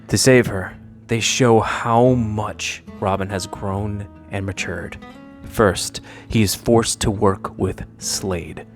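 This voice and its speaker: A man with a fairly low voice narrates a scripted video essay, telling a story over faint background music.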